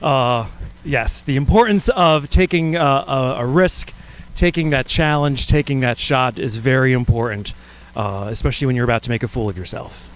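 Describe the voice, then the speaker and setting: A man's voice: medium pitch, normal speed, few pauses. A man hosting a convention session in a light, informal conversational style. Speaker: convention host.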